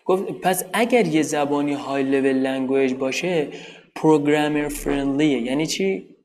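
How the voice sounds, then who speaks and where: A man's voice: on the high side, a little mellow, a little hiss or hum. A man giving an informal spoken programming lesson, explaining step by step, often restarting and repeating himself. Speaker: programming teacher.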